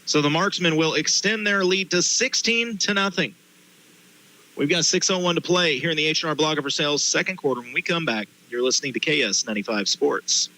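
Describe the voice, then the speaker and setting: A man gives live play-by-play football commentary as the game's announcer. His voice sits a little high and is bright and forceful. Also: a little fast, slight background noise, rough recording.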